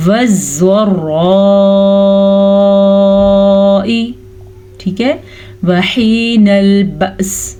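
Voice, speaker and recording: A woman teaching Quran recitation rules step by step, explaining each letter and then reciting the phrases slowly and drawn out. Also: mid-range voice, mellow.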